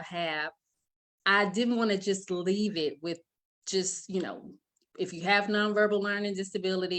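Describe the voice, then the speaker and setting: Middle-aged woman talking about her book, earnest and warm, bit low voice, laughs a lot. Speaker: children's book author. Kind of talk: interview answer.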